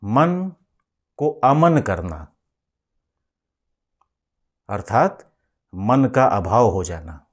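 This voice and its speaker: With a mid-range, slightly mellow voice, a man leads a guided meditation as a spiritual teacher, giving measured instructions broken by intentional pauses.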